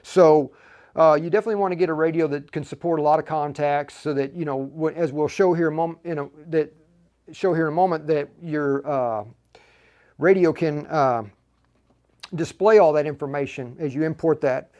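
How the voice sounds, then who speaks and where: At a moderate pace, a livestream host and instructor explains his live tutorial in a folksy, casual way, addressing viewers directly. His voice is a little high with a darkish tone.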